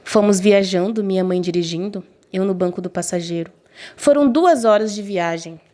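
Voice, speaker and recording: A woman's voice: medium pitch, normal speed, warm tone. Young woman telling a dramatic story. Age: young adult. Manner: emotional, voices quoted friends and mother lightly. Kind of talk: first-person story narration.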